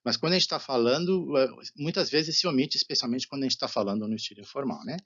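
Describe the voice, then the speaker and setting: A man with a Brazilian Portuguese accent gives a recorded Japanese lecture, explaining patiently, often asking "né?" and slowing down for example phrases. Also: mid-range voice, a bit bright, muffled recording. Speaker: Japanese language teacher.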